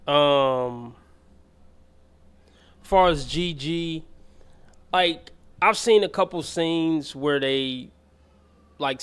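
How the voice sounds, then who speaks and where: Male stream host, casual slangy rambler, slightly raised pitch. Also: fairly bright tone, smooth. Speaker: livestream host. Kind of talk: casual chat reacting to chat and a clip.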